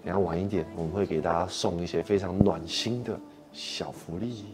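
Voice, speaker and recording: Low-voiced man hosting a stretching livestream. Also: brisk. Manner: chatty, often ends with checking questions. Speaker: fitness livestream host. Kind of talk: casual livestream chat and stretching instruction. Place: indoor home-style studio, seated on mat. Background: faint music.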